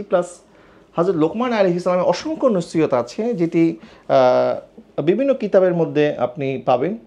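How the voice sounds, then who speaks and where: A man's voice: on the high side, darkish tone. Earnest male preacher, dull lo-fi sound. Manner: earnest, admonishing, with rhetorical questions. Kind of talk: Islamic sermon. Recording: dull lo-fi recording.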